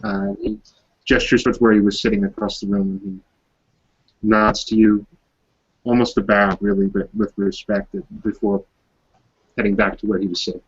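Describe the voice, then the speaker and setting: Husky, stammering tabletop game player. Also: male voice, on the low side, flat delivery, normal speed, pauses often. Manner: hesitant, stammering. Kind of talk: narrating a tabletop character. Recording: muffled lo-fi.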